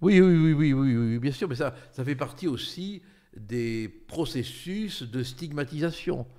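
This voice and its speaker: A man's voice: a little high, animated, unhurried, dark tone. An older man hosting a political talk show, speaking emphatically with many fillers and restarts. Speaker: host, political commentator.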